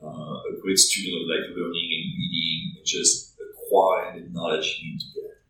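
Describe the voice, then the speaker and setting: A man's voice: low-pitched, little pitch movement, moderate pace, sharp tone. A man with a French accent, a startup founder in his thirties, talking reflectively in a casual interview with many fillers and repeated words. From France. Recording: echoey room, distant mic, faint noise.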